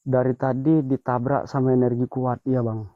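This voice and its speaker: A man's voice: medium pitch, flat delivery, moderate pace, no echo. A young man on a night ghost-hunting vlog outdoors among trees, murmuring tense exclamations and prayers. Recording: dull lo-fi audio.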